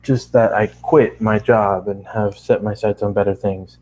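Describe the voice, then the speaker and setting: A man with a fairly low, steady, slightly mellow voice reads a fan-fiction story at a measured pace, captured in a rough recording. Tired and running out of steam, this amateur narrator keeps stumbling and rereading phrases.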